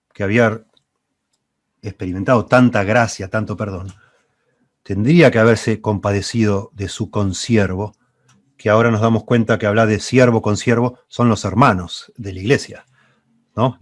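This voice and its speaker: A man's voice: on the low side, no echo, clean studio sound. A man teaching a church Bible class, reading scripture aloud and explaining it while repeating key phrases.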